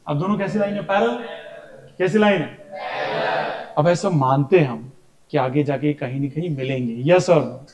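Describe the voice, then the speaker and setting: A man's voice: fairly high pitch, moderate pace, long pauses, a little mellow. A male science teacher giving a classroom lecture, chatty and teasing, breaking into stories and imitations of his family. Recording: echoey classroom.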